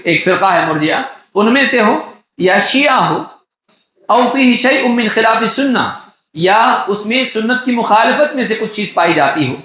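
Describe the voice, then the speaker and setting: A man with a high, bright, forceful voice gives a religious lecture. He reads Arabic passages and then explains them, driving points home by repeating key phrases. The sound rings out in a very echoey room. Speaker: Islamic scholar giving a lecture.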